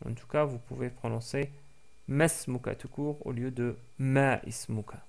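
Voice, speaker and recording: A man teaching a language lesson for French speakers, slowly repeating each word for practice, with frequent hesitations. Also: mid-range voice, steady tone, vocal fry. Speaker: Arabic teacher.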